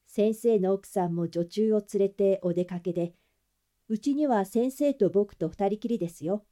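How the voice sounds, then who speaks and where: A woman's voice: mid-range voice, normal speed, dark tone, close to an everyday voice. A woman voicing a talkative, breezy young male assistant. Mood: chatty.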